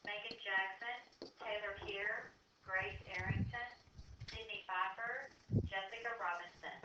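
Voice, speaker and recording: A woman's voice: medium pitch, steady tone, measured pace. A woman from the school office making a polite, formal announcement over the school intercom and reading out a list of names. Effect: school intercom loudspeaker. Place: classroom, heard over the speaker. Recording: muffled, echoey, distant, noisy loudspeaker.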